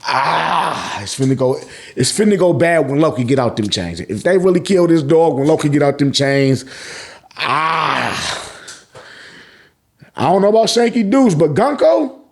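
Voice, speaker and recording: An American man hosts a casual manga review show, giving a slangy chapter recap. His voice is fairly high, gravelly and very animated, yet his pace stays measured, and he swears freely and repeats phrases for emphasis.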